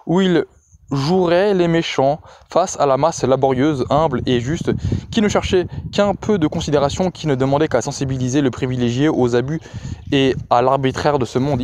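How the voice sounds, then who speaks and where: A man reads a thriller aloud in a slightly high voice. His delivery is dramatic, with the odd hesitation and a restarted phrase here and there. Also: a little mellow, no room sound. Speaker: reader. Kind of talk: reading novel excerpts aloud.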